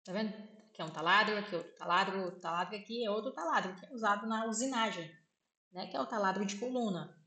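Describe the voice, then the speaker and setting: A woman's voice: mid-range voice, bright, forceful tone. Brazilian woman teaching in an echoey room. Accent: Brazilian Portuguese. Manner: repeats words slowly, asks "né?" often. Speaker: vlogger teaching vocabulary. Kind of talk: casual spoken lesson.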